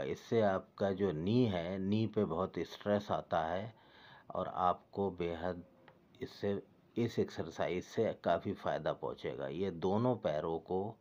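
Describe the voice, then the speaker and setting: A man calmly explaining knee exercises step by step, as a fitness instructor. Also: low-pitched, dull audio. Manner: patient, repetitive step-by-step guidance.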